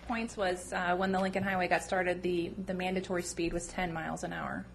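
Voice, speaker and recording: A woman's voice: lowish voice, steady tone, a little fast, gravelly, slight background noise. A woman at a council meeting adding facts and correcting herself as she goes. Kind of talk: informal talk at a public meeting.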